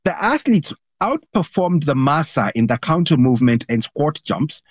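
A man with a Kenyan accent explains a science story as a radio panellist. His delivery is measured, with a slightly high pitch, and the recording is dry. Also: very animated, no echo.

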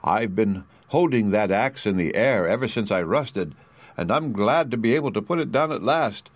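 A man voicing a polite, grateful rusted tin man, with a slow, stiff, pleading delivery. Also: on the low side, lively intonation, no echo.

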